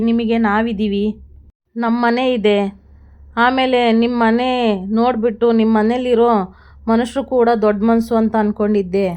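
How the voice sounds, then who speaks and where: A woman's voice: a little high, a little mellow, clear, resonant tone, natural voice. A woman reading a tearful, pleading young man. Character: young man, tender and tearful brother-in-law.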